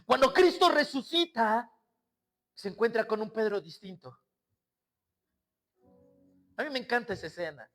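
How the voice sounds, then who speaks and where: Very high-voiced preaching man. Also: big pitch swings, a little slow, pauses often, soft background music. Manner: swings from loud raised exclamations to low quiet asides; acts out quoted voices and scenes. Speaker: pastor. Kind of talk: sermon.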